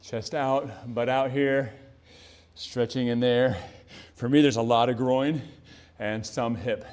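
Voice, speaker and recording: A man's voice: mid-range voice, fairly even intonation, slow, darkish tone. A male fitness trainer coaching a workout, out of breath and exhaling hard between moves, chatty and encouraging. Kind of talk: workout instruction.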